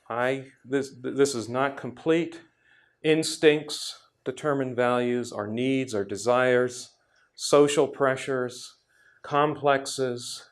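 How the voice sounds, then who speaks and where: A man giving a reflective workshop lecture, speaking thoughtfully with frequent pauses and restarts. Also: mid-range voice. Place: workshop room.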